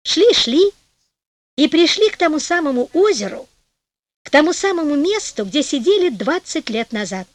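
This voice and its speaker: Female storybook narrator, expressive and sing-song, dry studio sound. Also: high voice, moderate pace, dry recording. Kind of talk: storybook reading.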